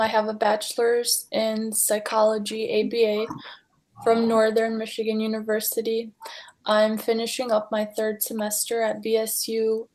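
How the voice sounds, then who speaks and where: A woman in her thirties reading a class presentation slowly over a video call. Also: on the high side. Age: 30s. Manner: slow, very flat reading. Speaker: student presenter.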